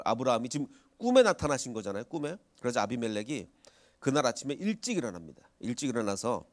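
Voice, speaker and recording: Animated Korean pastor preaching. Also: male voice. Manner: lively storytelling, acting out quoted dialogue with big pitch swings. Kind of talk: expository sermon.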